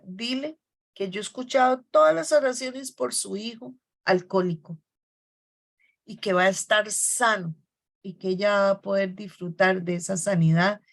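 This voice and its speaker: A woman preacher giving a sermon, telling personal stories in a soft storytelling manner and slowing down on key phrases. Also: mid-range voice, vocal fry.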